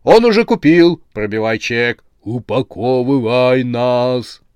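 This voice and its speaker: A man doing loud chanting severed heads. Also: mid-range voice, animated, slow pace, dry recording. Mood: clamoring. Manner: loud chanting, shouted slogans. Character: chorus of loud greedy living severed heads.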